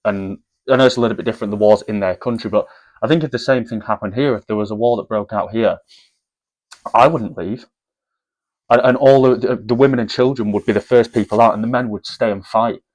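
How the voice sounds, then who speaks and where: A man's voice: lowish voice, fairly quick, a little mellow, poor audio. A man giving opinionated commentary to viewers, with frequent restarts and repeated words. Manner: hesitant, repeats words, addresses viewers as guys. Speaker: commentary vlogger.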